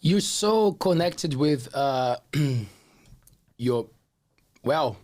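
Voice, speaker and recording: A man hosts a laid-back podcast interview and asks his questions in a loose, hesitant way with plenty of fillers. His voice has an ordinary middle pitch. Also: expressive, extremely slow, a little mellow, no room sound. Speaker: podcast host.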